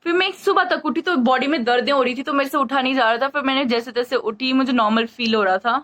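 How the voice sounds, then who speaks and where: A woman talks to her camera in a loose, chatty vlog style and wanders from point to point as she tells her story. Her voice sits a little on the high side, and she sounds short of breath throughout. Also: fast, a bit bright, rough recording. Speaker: vlogger. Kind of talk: casual vlog talk to camera.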